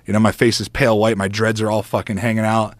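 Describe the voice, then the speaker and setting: Profane, animated man telling a story. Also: fairly low pitch, fast, dry recording. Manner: profane, excitable storyteller acting out quotes. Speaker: podcast guest.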